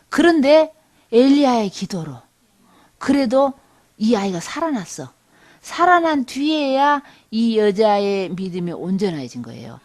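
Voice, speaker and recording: A woman's voice: on the high side, darkish tone. Woman teaching a bible history class, talks casual with lots of asides to the students. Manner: conversational, with rhetorical asides. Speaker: seminary lecturer.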